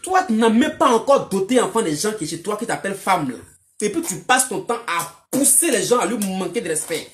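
A woman's voice: mid-range voice, expressive, brisk. A woman, delivering a mocking, scolding monologue aimed at a man, repetitive and emphatic. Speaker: online commentator.

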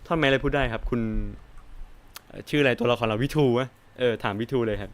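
A man playing a horror game, reading its dialogue aloud and joking, swearing and reacting loudly to the scares. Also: medium pitch, fast. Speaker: game streamer. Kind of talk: casual let's-play commentary, reading game dialogue aloud.

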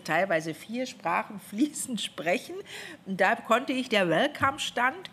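In a committee meeting room, a woman in her fifties, a government official, talks freely and animatedly in a spontaneous report to parliamentarians, repeatedly restarting what she says. She has a medium-pitched, somewhat bright voice with vocal fry, captured on a gooseneck desk microphone with a faint hiss or hum.

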